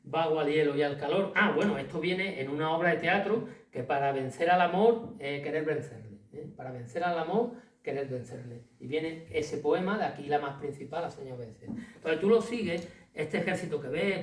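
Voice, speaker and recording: A man with a Spanish accent from Spain giving an animated, colloquial talk to an audience, reciting verse and tossing in tag questions. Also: fairly high pitch. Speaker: author giving a public talk. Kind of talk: lively informal lecture. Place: hall with a large audience. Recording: echoey hall, distant mic, faint noise.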